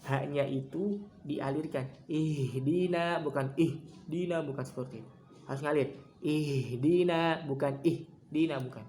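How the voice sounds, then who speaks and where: A man teaching Quran recitation, chanting verses slowly and then explaining common mistakes in casual speech, contrasting wrong and right pronunciations. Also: fairly high pitch, steady tone, darkish tone, reverberant. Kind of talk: recitation lesson with demonstrations.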